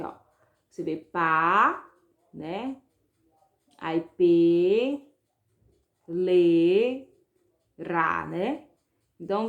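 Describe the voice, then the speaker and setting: A woman with a Brazilian accent teaches a Spanish lesson in a slightly high voice. She talks very slowly, lingering on each syllable and checking in with her pupils after nearly every phrase. The recording is roomy, with a clear echo around her. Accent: Brazilian Portuguese. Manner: slow, drawn-out, spelling out syllables; checks in with frequent "ok?" and "né?". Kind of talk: online class lesson. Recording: echoey room.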